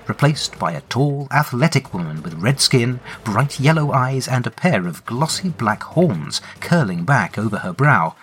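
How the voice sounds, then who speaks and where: A man's voice: mid-range voice, husky. A man narrating his own tabletop adventure with wry, dramatic storytelling. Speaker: game master and narrator. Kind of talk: solo tabletop role-play narration.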